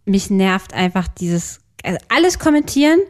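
Candid, excitable woman in casual chat. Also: medium pitch, normal speed. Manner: candid and excitable, bursts into shrieks. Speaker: podcast co-host.

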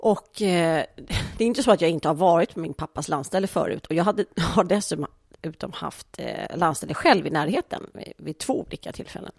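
Low, gravelly-voiced woman chatting. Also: animated, dry recording, clean studio sound. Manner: chatty, self-mocking, laughs often. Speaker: podcast co-host. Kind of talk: casual chat.

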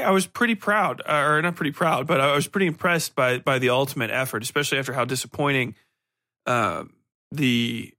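A podcast host reviewing books and TV gives a casual, unscripted review in a fairly high-pitched, bright, forceful voice. He rambles, hesitates and corrects himself, offering blunt, sweary opinions, all in clean studio sound with no echo.

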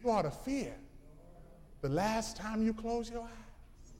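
A man's voice: sits high, lively intonation, takes it slowly, a little mellow, long reverb tail. A man preaching a sermon in a rhythmic, plain-spoken way, repeating phrases. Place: church.

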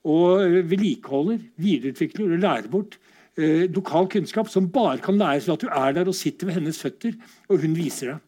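Higher-pitched man giving a lively lecture. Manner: lively, conversational, asks rhetorical questions. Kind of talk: informal lecture with slides.

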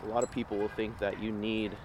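Talking fast in a lowish, level voice, a man films a walking vlog on a city street while losing his voice. The motivational talk is casual, rambling and cheerful, with lots of outdoor noise in the background.

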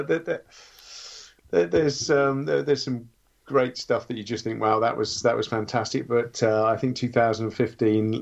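A former military pilot recalling a flypast on a podcast, speaking haltingly with many restarts. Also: male voice, fairly low pitch, creaky, darkish tone. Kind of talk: casual podcast chat. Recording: dull lo-fi sound.

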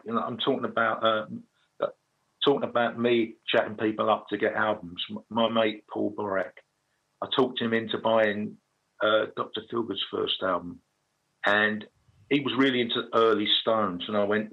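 A middle-aged man with a gravelly, husky voice, telling anecdotes casually as an interview guest. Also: lowish voice, muffled recording.

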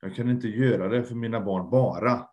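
A man's voice: lowish voice, darkish tone. A man speaking as a guest in a candid conversation, earnest and reflective, often trailing off and repeating words. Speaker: podcast guest, lecturer.

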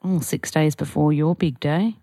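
A woman's voice: low voice, steady tone, normal speed, warm tone, no room sound. A woman with a broad Australian accent hosting a casual, playful, slangy chat interview. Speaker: podcast host.

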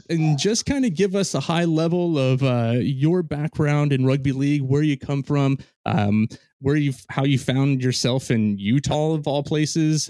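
A man's voice: mid-range voice, warm tone, no room sound, studio quality. A man hosting a podcast, chatting casually with guests in a loose, rambling way full of ums and restarts. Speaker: podcast host. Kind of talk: casual interview chat.

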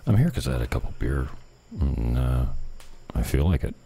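A man's voice: rumbling low, very animated, normal speed, dark tone, breathy edge. A man rambles casually and profanely to his viewers in natural, unscripted talk, as host of his own online show. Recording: music playing behind the voice. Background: music.

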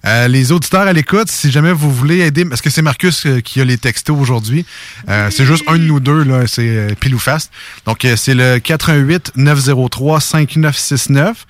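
A man with a Québécois accent co-hosting a radio show, jokey and quick to laugh. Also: mid-range voice, no room sound. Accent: Québécois French. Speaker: radio co-host. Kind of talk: casual radio chat.

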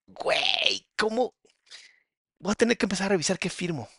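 A man with a Mexican accent mocks a video in crude, sarcastic commentary. His voice sits a bit high and rasps with gravel, and it sounds dry and close. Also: racing, dry recording. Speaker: psychologist reacting to a video.

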